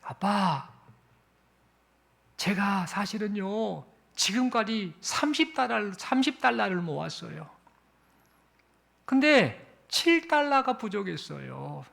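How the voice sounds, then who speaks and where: A man voicing an earnest little boy who asks his father for time, in a slow, hushed, pleading way. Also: sits high, lively intonation, gravelly, exaggerated voice.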